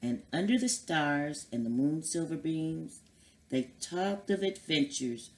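Slow, very low-voiced woman reading aloud. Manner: lively storybook reading with character voices. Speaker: guest reader. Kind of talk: reading a picture book aloud.

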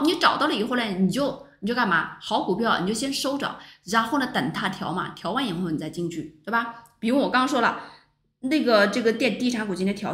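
A woman teaches a stock market class over chart screens. Her pitch swings widely and she keeps throwing rhetorical questions at her viewers. The sound has a roomy echo around it. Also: a bit bright. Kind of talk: livestream stock chart lesson.

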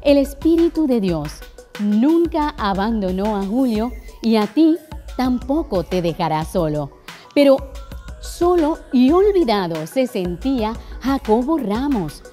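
Calm woman narrating a devotional program. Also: fairly high pitch, takes it slowly, soft background music. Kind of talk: scripted narration.

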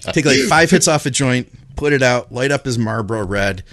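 A man in his forties co-hosting a podcast, telling stories in a lively, animated way. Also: medium pitch, a little fast. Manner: animated storyteller. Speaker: podcast co-host. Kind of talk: casual storytelling. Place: home studio with video call.

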